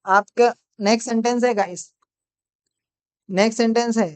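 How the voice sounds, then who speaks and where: Smooth-voiced male teacher, live phone class. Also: very high-pitched, steady tone. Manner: repeats each sentence slowly, calls out students and praises them. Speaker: English teacher. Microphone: mobile phone.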